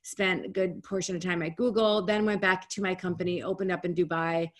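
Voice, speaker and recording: Speaking from indoors in her home, a US guest speaker presents a webinar on a video call. She has a fairly low pitch and an energetic, chatty delivery that comes in fast bursts, often starting over.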